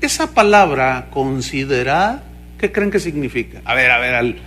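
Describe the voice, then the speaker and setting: A man with a Mexican Spanish accent, a pastor preaching a sermon in an animated, mocking way, firing questions at the congregation. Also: medium pitch, normal speed, slight background noise.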